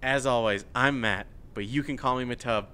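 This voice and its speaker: A man's voice: medium pitch, moderate pace, sharp tone, clean tone. A young man hosting a football hot-take segment, ranting in an incredulous, mocking way. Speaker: host. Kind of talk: ranting sports commentary.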